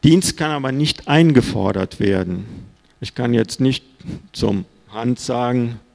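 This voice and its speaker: Gravelly-voiced man preaching in a church hall. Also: mid-range voice, measured pace, darkish tone. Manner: earnest, plain-spoken, reads scripture aloud. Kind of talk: sermon. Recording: reverberant hall.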